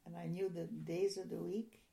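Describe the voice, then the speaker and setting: An older woman raised in a Ukrainian-speaking home reminisces during an oral history interview, speaking softly in a halting, rambling way. Her voice is on the low side and creaky, with little movement in pitch.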